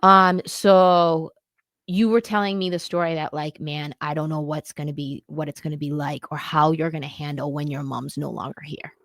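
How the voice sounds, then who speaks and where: A woman co-hosts a candid, casual conversation, her voice sitting notably low for a woman. She speaks earnestly and reflectively, with loose, easygoing phrasing. The sound is close and dry, with no room echo. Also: flat delivery, normal speed, fairly bright tone. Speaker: podcast co-host. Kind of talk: candid casual chat about marriage.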